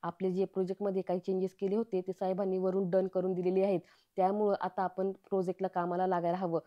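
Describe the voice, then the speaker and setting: A woman's voice: mid-range voice, flat delivery, quick pace, lo-fi sound, close to an everyday voice. A woman voicing an earnest young woman who speaks in a pleading way. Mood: businesslike.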